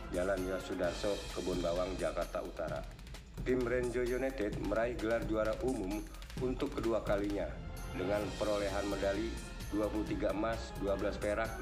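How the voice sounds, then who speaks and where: A man with a fairly low voice reads a scripted news report in an even, formal tone. Clear music plays behind him throughout. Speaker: news narrator. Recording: voice-over with loud music behind.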